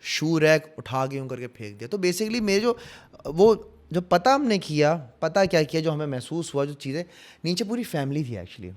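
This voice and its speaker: A man with a Pakistani Urdu accent telling ghost stories as a podcast guest, animated and dramatic, dropping to hushed tones. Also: a little high, moderate pace. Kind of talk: casual storytelling.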